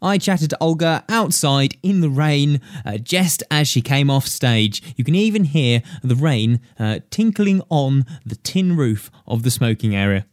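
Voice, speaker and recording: A man's voice: medium pitch, lively intonation, a little slow, few pauses, dry recording, studio quality. A man with a posh-sounding voice hosting a comedy podcast, chatty and self-deprecating, laughing often as he tells stories. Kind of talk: casual storytelling narration.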